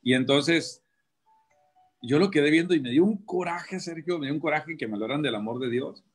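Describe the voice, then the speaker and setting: A man's voice: fairly high pitch, moderate pace, breathy edge, faint music behind. A man, a prison preacher, talking through his faith on a radio show with many rhetorical questions and restarts. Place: radio studio.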